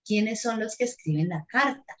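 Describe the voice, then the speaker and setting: Animated Colombian woman giving a workshop. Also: on the high side, normal speed, a little hiss or hum. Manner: animated, acts out the children and teacher in quotes. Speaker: teacher trainer giving a workshop. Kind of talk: lecture retelling a classroom example.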